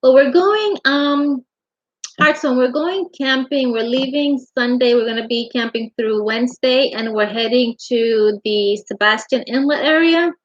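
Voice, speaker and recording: Speaking at a measured pace, a middle-aged woman hosts a casual livestream from her craft room at home, her voice slightly high. She warmly greets each viewer as honey, and the lo-fi audio comes across dull, as on a home stream.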